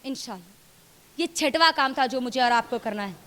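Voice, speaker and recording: High-voiced woman preaching. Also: brisk, fairly bright tone, slight background noise. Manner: quizzes the audience and repeats phrases for emphasis. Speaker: religious lecturer. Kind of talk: sermon to a women's gathering. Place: function hall. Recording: music audible behind speech.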